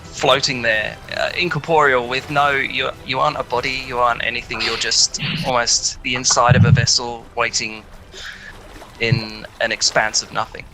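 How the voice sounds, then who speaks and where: A man's voice: mid-range voice, level tone, moderate pace, music in the background, low-quality recording. A man narrating a tabletop game as game master, with hesitant, filler-heavy speech.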